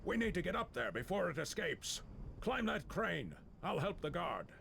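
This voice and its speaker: An actor voicing a grave, middle-aged master monster hunter in a dramatic video game, speaking with measured, serious authority. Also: male voice, high voice, sing-song, gravelly, background noise, full character voice. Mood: urgent, grave. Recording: music under the voice.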